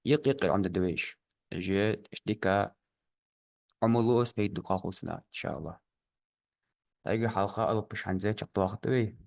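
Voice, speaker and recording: A man with a fairly low voice leads a Quran lesson. He names each Arabic letter and vowel sound slowly and carefully, often saying it twice. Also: creaky, darkish tone. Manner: slow, deliberate pronunciation, repeating each letter. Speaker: Quran teacher.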